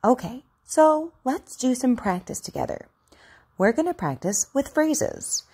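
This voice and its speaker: A woman's voice: on the high side, sing-song, measured pace, a little mellow, slightly rough. A woman speech instructor explaining practice steps directly to learners.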